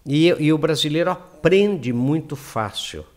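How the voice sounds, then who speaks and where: A man's voice: fairly high pitch, lively intonation, measured pace. A Brazilian man speaking Brazilian Portuguese as an interview guest, rambling and often ending with tag questions. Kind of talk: casual interview chat.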